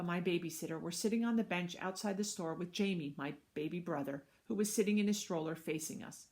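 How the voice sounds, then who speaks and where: Woman reading a chapter book aloud. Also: on the low side. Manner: expressive storytelling narration. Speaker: teacher.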